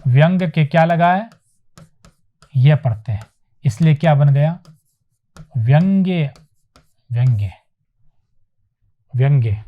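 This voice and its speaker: A man with a fairly high voice gives a classroom lesson on spelling. He says each word again and again with slow emphasis, then asks a question and answers it himself. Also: expressive, lo-fi sound. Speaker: Hindi teacher. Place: classroom with whiteboard.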